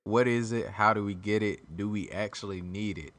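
A man's voice: on the low side, moderate pace, a bit bright. A man hosting a podcast in casual chat, steering topics and explaining eagerly. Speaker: podcast host.

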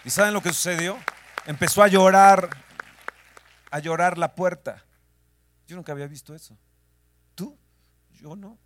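A male pastor preaching a sermon, dropping to hushed whispers and rising to shouts, sometimes singing scripture lines. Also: high-pitched, normal speed, pauses often, some chatter behind, slight background noise.

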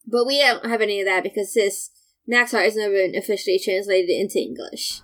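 A woman's voice: mid-range voice, fairly quick. A woman hosting a podcast in casual chat, recapping in a rambling way that drifts into tangents. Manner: rambling, digressive. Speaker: podcast host.

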